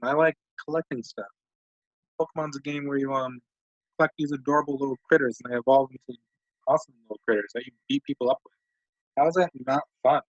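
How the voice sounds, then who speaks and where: A man's voice: mid-range voice, no room sound. A man giving rambling, self-mocking casual commentary while playing a video game. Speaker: let's play commentator. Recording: dull lo-fi dry mic.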